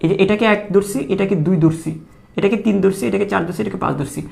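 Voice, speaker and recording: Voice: mid-range voice, fairly even intonation, quick pace, gravelly, darkish tone. A chemistry teacher, lecturing and repeating each step while asking the students questions. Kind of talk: classroom lecture.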